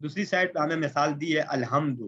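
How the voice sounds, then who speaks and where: A man's voice: medium pitch, fairly bright tone. Pakistani male tajweed teacher, dull recording. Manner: explanatory, repeats points with "ٹھیک ہے" checks; slows down for Arabic terms and examples. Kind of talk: recorded Quran recitation lesson.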